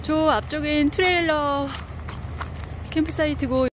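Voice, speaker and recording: A woman tours a campground while vlogging, chatting away and exclaiming often in casual narration. Her voice sits high with a steady tone and a slightly slow pace. It's recorded outdoors on a phone, with clear background noise.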